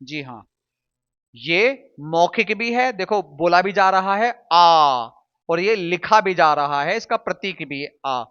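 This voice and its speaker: Male teacher, high voice, unhurried, asks and answers his own questions, dull lo-fi recording. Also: fairly bright tone, smooth. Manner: patient, repeats and drills sounds aloud. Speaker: Hindi teacher. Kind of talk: classroom lesson to students.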